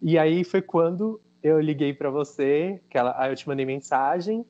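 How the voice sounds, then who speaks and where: A man with a Brazilian Portuguese accent hosting a casual interview, telling a story with lively quotes of what others said. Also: on the high side, normal speed, lo-fi sound. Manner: animated storytelling, quoting others. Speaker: host.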